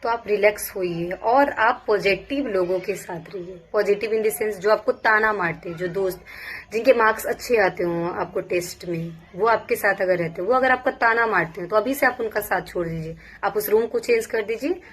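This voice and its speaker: A woman's voice: mid-range voice, normal speed, fairly bright tone. A young woman from Bihar, a police sub-inspector, giving casual, earnest study advice to exam aspirants and repeating her points as she goes. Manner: earnest, repetitive, speaks in first-person plural.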